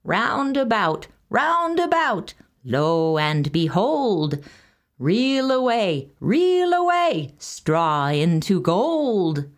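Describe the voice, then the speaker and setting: A woman reading a storybook and voicing a droll, wily little dwarf with a slow, sly drawl that breaks into sing-song chanting. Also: lowish voice, sing-song, heavily acted.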